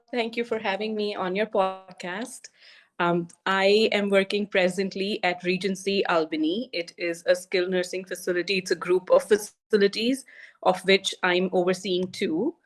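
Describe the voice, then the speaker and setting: A middle-aged woman from India with an Indian English accent, a physical therapist speaking as a podcast guest in a measured, steady way. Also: fairly low pitch. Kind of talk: podcast interview.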